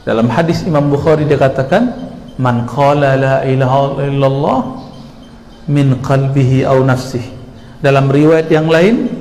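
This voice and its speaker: A man preaching to a congregation, lively and full of rhetorical questions. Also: fairly high pitch. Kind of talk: sermon. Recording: long hall reverb with faint noise.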